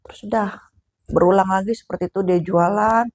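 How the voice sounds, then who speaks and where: Husky-voiced Sundanese woman telling horror stories. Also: mid-range voice, fairly even intonation, a little fast, a little mellow. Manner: chatty, keeps addressing the listener as sister. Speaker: horror storyteller. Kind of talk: casual spoken horror storytelling.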